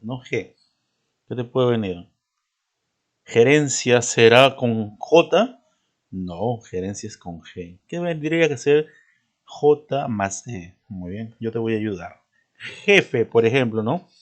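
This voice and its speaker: A man teaching a spelling lesson, patient, repeating points and asking the listener often, clearing his throat now and then. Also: medium pitch.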